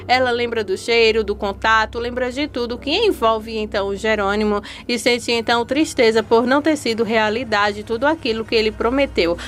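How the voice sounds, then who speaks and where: A woman's voice: fairly high pitch, a bit bright. Chatty woman recapping a telenovela. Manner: chatty retelling, strings lines with fillers. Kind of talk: casual episode recap.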